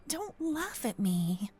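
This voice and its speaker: In an ASMR roleplay, a woman voices a gentle yet possessive vampire kidnapper who calls herself a protector, speaking softly, breathily and often in a whisper into a close binaural mic that moves ear to ear. Her full character voice sits a little high, and her slow, intimate delivery is earnest and urgent, broken by dramatic pauses.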